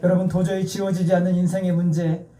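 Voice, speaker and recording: Male pastor giving a sermon, mellow tone, keeps repeating stuff and quizzing the crowd, far off mic in a big echoey church. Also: sits high, completely flat delivery, fast. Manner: emphatic, repetitive, asks the congregation questions. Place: church sanctuary. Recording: echoey church sound heard from afar.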